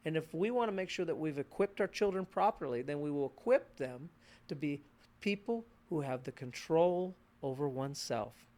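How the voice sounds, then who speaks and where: A man's voice: fairly high pitch, expressive, moderate pace, a little mellow. A middle-aged male pastor preaching a sermon in a conversational way, acting out short voices of children and parents.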